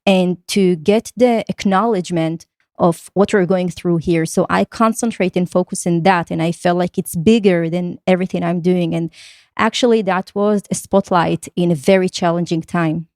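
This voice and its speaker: A woman's voice: fairly low pitch, steady tone, moderate pace, darkish tone, no room sound, studio quality. A woman from Israel, a podcast guest speaking earnestly and reflectively in long, flowing thoughts. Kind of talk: conversational podcast interview.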